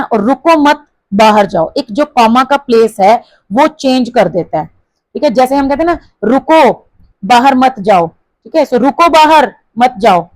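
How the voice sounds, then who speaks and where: A woman teacher with an Indian accent explaining a textbook exercise, mixing Hindi with English and reading example sentences slowly with stress. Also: fairly high pitch, darkish tone, no echo, low-quality recording.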